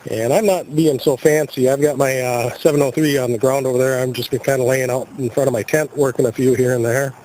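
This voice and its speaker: An American man at a campsite films his camping trip as an amateur radio operator, keeping his commentary casual, joking and playful. His medium-pitched, slightly mellow voice has fairly even intonation and moves fairly quickly with few pauses. The handheld camcorder audio is noisy.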